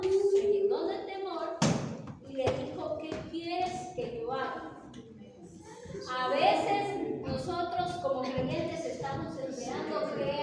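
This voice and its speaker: High-voiced woman preaching in an echoing hall. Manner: earnest preaching, frequent rhetorical asides and amens. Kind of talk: sermon. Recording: echoey hall, far-off mic, background noise.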